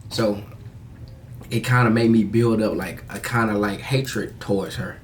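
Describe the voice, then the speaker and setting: Low-voiced young American man, candidly confiding. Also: fairly even intonation, slight background noise. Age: young adult. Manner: candid, slangy, halting, profane. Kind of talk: casual confessional vlog storytelling.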